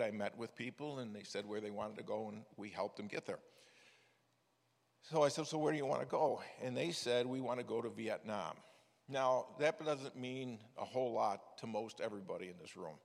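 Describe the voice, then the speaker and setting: Preaching in an echoey hall with long reverb, an older former missions director tells folksy stories, often restarting his sentences. His voice is medium-pitched and creaky.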